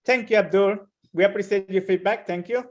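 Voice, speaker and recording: Host: high-pitched man, short appreciative replies. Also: a little fast. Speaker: webinar host. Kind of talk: host responses.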